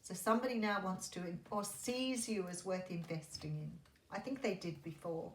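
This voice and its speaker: A woman giving a mystical tarot horoscope reading, speaking in an intuitive, musing way with pauses as she works through the cards. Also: mid-range voice. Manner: intuitive, musing, pausing as cards are turned. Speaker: tarot reader. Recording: roomy echo, faint background noise.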